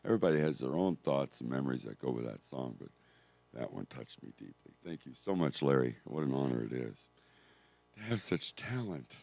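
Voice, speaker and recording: A man hosting a church service, soft-spoken and halting, who is moved as he introduces the speaker. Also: rumbling low, sing-song, gravelly. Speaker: service host. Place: church sanctuary.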